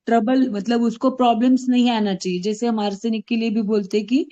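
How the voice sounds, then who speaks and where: A woman's voice: fairly high pitch, steady tone, brisk, warm tone, muffled recording. A woman from Maharashtra, a homeopathic doctor, presenting a patient case in an online discussion, explaining her reasoning thoughtfully and correcting herself as she goes. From Maharashtra, India.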